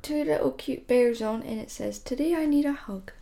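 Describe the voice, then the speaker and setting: Woman co-host, tired, playful teasing banter, fairly high with a creaky edge. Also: normal speed, warm tone. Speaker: podcast co-host. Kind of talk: casual chat.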